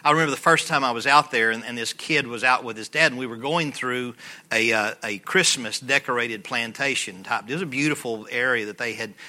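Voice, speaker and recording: A middle-aged man with a Southern American accent, preaching a sermon in a folksy, conversational way that rises to loud, fervent peaks. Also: mid-range voice, brisk. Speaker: pastor.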